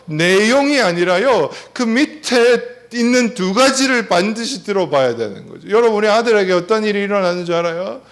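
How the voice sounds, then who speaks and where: A middle-aged man leads a family seminar in a voice that sits a little above the usual male range. He tells stories from his own home with animated delivery and keeps turning to the audience with questions. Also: sits high, brisk, hardly any pauses. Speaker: seminar lecturer.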